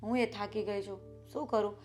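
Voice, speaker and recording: An actress playing a patient, worried wife and elder sister-in-law who reasons calmly about family troubles. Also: female voice, mid-range voice, brisk, soft background music, lightly acted. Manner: calm, reasoning, then pushing back. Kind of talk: family drama acting.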